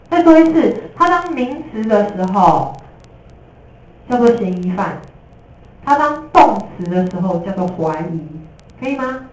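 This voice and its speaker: A woman teacher with a Taiwanese Mandarin accent gives a lively, jokey classroom lecture, slipping in English terms. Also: medium pitch. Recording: echoey room from a distance.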